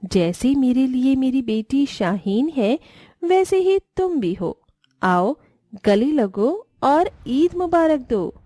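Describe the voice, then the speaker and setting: A woman voicing a sly witch who poses as a poor lonely woman in a cartoon, speaking low and slow to lure a child. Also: sing-song, mellow, dry recording, clean studio sound, full character voice. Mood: coaxing. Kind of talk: Hindi cartoon voice acting.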